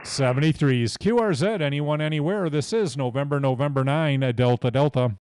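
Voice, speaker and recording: A man's voice: a little high, normal speed, darkish tone, clear, resonant tone, dry recording. An American man running casual amateur radio contacts into a close microphone. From Iowa, United States. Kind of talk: casual ham radio exchange.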